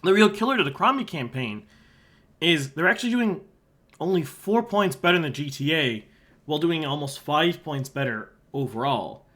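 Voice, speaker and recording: An election analyst and channel host from Halifax, Canada, nursing a sore throat, gives casual solo commentary while walking through an election forecast map. His voice is on the high side, with lively intonation and a moderate pace. He chats conversationally and drops quieter asides as he points at the map.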